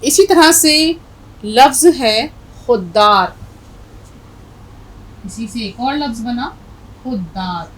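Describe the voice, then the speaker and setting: Slow, lively-voiced woman teaching Urdu. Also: a little high, a little hiss or hum, rough recording. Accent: Hindustani from North India. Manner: patient, explains slowly with repeated examples. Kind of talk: classroom language lesson.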